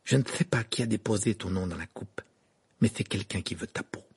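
A man voicing a pale teenage boy speaking gravely and quietly. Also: fairly low pitch, brisk. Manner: grave, hushed.

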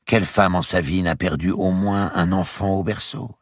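A man with a low voice reads an audiobook scene, pitching above his natural register to play a noble older woman who firmly, protectively, and insistently persuades a grieving girl. His intonation stays fairly even at a moderate pace, urgently coaxing, in clean studio sound without echo.

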